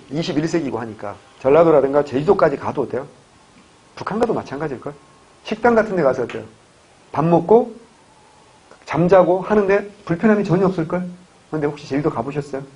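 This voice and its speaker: A man from the Gyeongsang region, fairly high-pitched with a darkish tone, teaches an exam-prep history lecture. He keeps asking questions and answering them himself, captured on a dull lo-fi recording with faint hiss.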